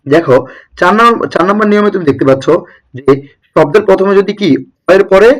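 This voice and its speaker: Young man, rapid teacher, slightly high voice, asks and answers his own questions. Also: lively intonation. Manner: quizzes himself with rhetorical questions. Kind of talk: exam-prep lesson.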